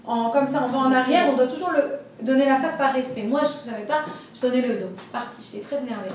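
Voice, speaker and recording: A woman with a high voice teaches a religious class through lively stories, acting out the voices of the people in them. She is recorded from far off in a very echoey room. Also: fast, slight background noise. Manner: lively storytelling, acts out voices. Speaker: Torah teacher. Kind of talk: storytelling class.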